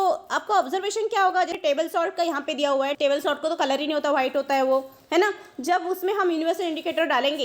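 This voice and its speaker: Female teacher, very high voice, quizzes and answers herself, mixes in English terms. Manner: explains step by step, asks and answers her own questions, mixes English terms. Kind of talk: classroom science lecture.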